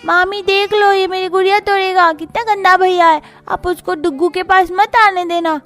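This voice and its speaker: A woman's voice: very high-pitched, fairly even intonation, normal speed, fairly bright tone. A woman voicing a whiny little girl who tattles on her brother in a cartoon.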